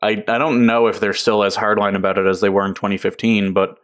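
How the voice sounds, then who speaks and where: A man's voice: on the low side, little pitch movement, fast talker. A man co-hosting a casual gaming podcast, talking loosely and laughing often. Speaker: podcast co-host.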